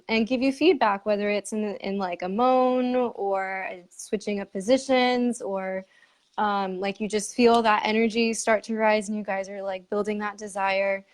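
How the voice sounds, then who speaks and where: A woman hosting a conversational interview, speaking candidly with frequent laughs and fillers. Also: medium pitch. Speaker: podcast host. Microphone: remote live stream.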